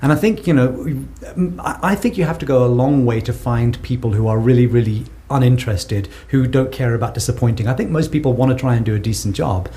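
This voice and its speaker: A South African man appears as a guest researcher on a conversational podcast, answering questions thoughtfully and often repeating words to build a point. His medium-pitched, mellow voice moves a little fast, with hardly any pauses.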